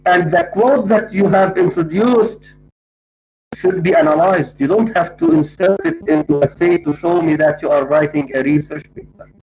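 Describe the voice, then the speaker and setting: High-pitched male lecturer with an Arabic accent. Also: normal speed, faint music behind. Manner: didactic, emphatic, repeats and spells out key points. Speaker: university English lecturer. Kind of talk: lecture on academic writing. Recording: dull lo-fi audio.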